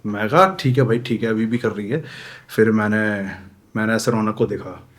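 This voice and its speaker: Among friends, a young man spins an animated tale, moving at a moderate pace in a fairly low voice and switching voices to perform each character's dialogue.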